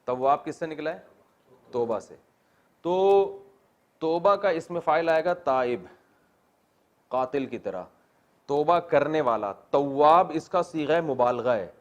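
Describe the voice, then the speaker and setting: A man's voice: a little high, animated, pauses often. A middle-aged man teaching a Quran commentary class. He explains grammar step by step, asks the class questions and jokes lightly. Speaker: religious teacher.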